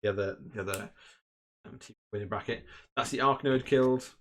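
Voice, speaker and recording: A man's voice: medium pitch, fairly quick, a little hiss or hum. A man hosting and commentating a live tabletop game stream in a casual, chatty way, with lots of fillers and restarts. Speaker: host and commentator.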